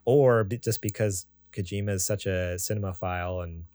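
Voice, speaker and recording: A man co-hosting a casual podcast, talking quickly and laughing often. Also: deep voice, steady tone, darkish tone, no echo, clean studio sound. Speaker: podcast co-host.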